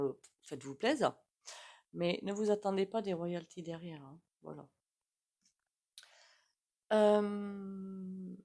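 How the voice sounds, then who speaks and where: A woman's voice: on the low side, vocal fry, a little mellow. Chatty woman doing a tarot reading. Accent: French regional accent. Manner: chatty, rambling, frequent "hein" asides. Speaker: tarot reader. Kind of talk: casual tarot reading monologue to viewers.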